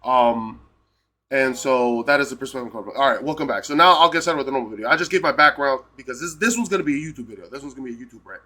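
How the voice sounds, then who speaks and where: A man's voice: medium pitch, quick pace, pushed and bright. A man from Peru, a live streamer, giving a rambling, emphatic and profane casual rant.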